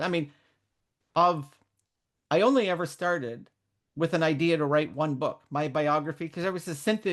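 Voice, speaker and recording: Middle-aged woman guest talking earnest and reflective, kinda spiritual, lots of restarts. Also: sits low. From born in Northern Ireland, raised in Canada. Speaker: guest mentor. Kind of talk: candid conversational interview.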